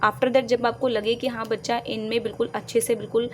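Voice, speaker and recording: A woman with an Indian English accent, teaching phonics to parents and children, repeating each letter sound slowly and clearly. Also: fairly high pitch, little pitch movement, a little hiss or hum. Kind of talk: slow, deliberate teaching to parents and kids.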